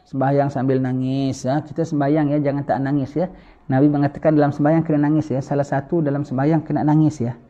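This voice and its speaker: A man giving a gentle, repetitive sermon and prayer as a religious teacher, mixing in English words and Arabic recitation. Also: fairly high pitch, flat delivery, fast talker. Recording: tinny phone-like online recording.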